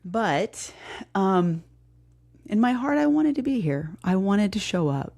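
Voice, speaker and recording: A middle-aged woman hosting her fitness podcast, talking candidly and emotionally, grieving and close to tears, with many pauses and restarts. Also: medium pitch, sing-song, vocal fry, dark tone. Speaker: podcast host and fitness coach. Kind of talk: casual heartfelt podcast talk.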